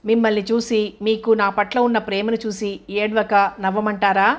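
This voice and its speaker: A woman's voice: medium pitch, flat delivery, brisk, natural voice. A woman voicing an angry, hurt young wife who accuses her husband with bitter sarcasm. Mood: bitter, reproachful.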